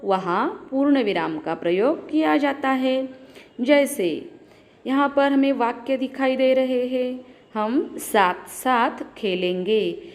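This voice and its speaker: A woman teacher slowly and patiently explaining a grammar lesson to children. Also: sits high, darkish tone.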